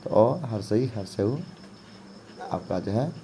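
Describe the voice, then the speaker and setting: A man from India teaches an exam-prep grammar lesson in a somewhat low, mellow voice. He explains patiently, circling back with little check-ins and fillers. Faint insect and cricket sounds sit behind him. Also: animated, takes it slowly, slight background noise. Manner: explanatory, repeats "ठीक है" and "जो है आपका".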